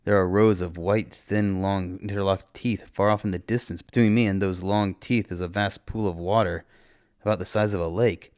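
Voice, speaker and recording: A man narrating a story in the first person, expressive, with his voice jumping up on exclamations. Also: sits low, normal speed, smooth, no echo, clean studio sound.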